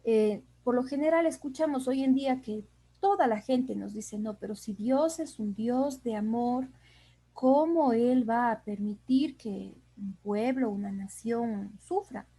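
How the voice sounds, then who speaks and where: A woman with a fairly high but mellow, warm voice teaches a Bible study. She speaks unhurriedly, with fillers and small restarts, and reads long scripture passages aloud. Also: a little slow, breathy edge. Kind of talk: Bible study lesson with slides.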